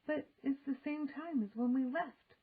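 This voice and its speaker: A woman's voice: sits high, moderate pace, phone-quality sound, pitched above the performer's own voice, close to an everyday voice. A woman voicing an earnest, cautious young boy in a children's storybook, with a questioning manner. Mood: puzzled.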